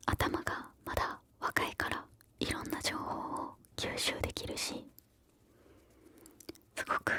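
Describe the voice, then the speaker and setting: A woman whispering softly and breathily close to the ear, gently answering questions in an encouraging ASMR style. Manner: whispers throughout, soft and breathy; encouraging, gentle advice-giving.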